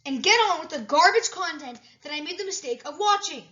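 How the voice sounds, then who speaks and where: A narrator putting on a squeaky indignant heckler. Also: moderate pace, distant mic, lightly acted. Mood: exasperated. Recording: roomy, muffled lo-fi recording.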